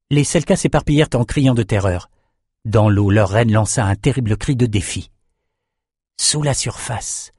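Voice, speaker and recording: A man narrating a fantasy novel in a measured, steady reading voice. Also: mid-range voice, husky, no room sound, studio quality. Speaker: audiobook narrator.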